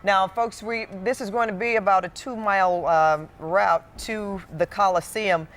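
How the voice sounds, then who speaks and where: A woman's voice: mid-range voice, fairly even intonation, unhurried. A woman co-anchoring live parade commentary in a conversational, bantering way.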